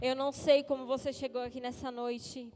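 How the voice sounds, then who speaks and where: A woman pastor preaching a sermon with an altar call, impassioned, rising to shouts and tearful pleas. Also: high voice, little pitch movement, brisk, faint music behind. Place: church service.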